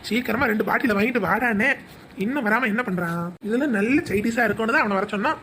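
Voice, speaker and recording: Woman acting as a smug work-shy husband, fairly high voice, boastful, comedy skit. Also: fast, a bit bright, slight background noise, lightly acted. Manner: boastful, scheming. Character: scheming jobless husband, smug and cheerful.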